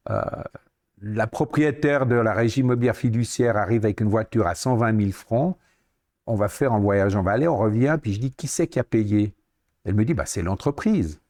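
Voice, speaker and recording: A man in his sixties with a Swiss French accent, a podcast guest telling lively anecdotes and acting out the dialogue he quotes. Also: mid-range voice. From Switzerland. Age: 60s. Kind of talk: storytelling interview.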